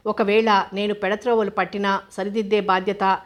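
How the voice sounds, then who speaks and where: Woman doing young male doctor, newlywed, playful, flat delivery. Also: mid-range voice, moderate pace, natural voice. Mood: teasing. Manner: teasing and fond.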